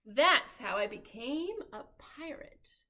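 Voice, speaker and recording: Cheerful woman reading a picture book to little kids, high bright voice. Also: takes it slowly. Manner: cheerful, animated read-aloud to kids. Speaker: children's librarian. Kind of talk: children's storytime reading and singing.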